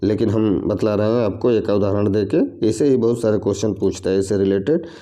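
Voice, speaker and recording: Male exam-prep tutor, low and very mellow, patient and repetitive, walking through each question. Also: a little fast. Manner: explains step by step, repeats each question and its options. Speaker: exam coaching teacher. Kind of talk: reasoning lesson for competitive exams.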